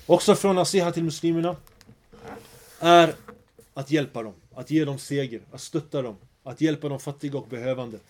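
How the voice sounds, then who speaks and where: Earnest male preacher, slightly high voice. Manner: earnest storytelling, mixing in Arabic phrases. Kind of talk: religious lecture.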